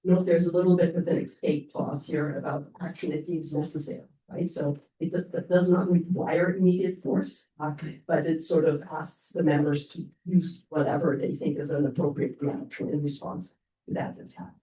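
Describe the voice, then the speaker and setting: A woman panelist with a stuffy, cold-affected voice gives an explanatory talk. Her tone is soft-edged and dark, picked up at a distance in an echoey room. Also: low voice, fairly even intonation, normal speed, a little hiss or hum. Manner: explanatory, often checking with "right?". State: stuffy voice from getting over a cold. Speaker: panelist, security expert. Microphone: only microphone among the speakers.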